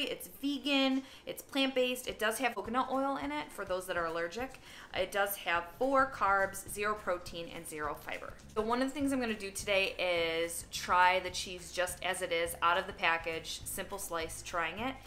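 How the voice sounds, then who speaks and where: A woman's voice: mid-range voice, moderate pace, pushed and bright, a little hiss or hum. A woman chatting casually while tasting food for a vlog, candid and talkative, sometimes talking with her mouth full. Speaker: vlogger. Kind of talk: casual taste-test vlog.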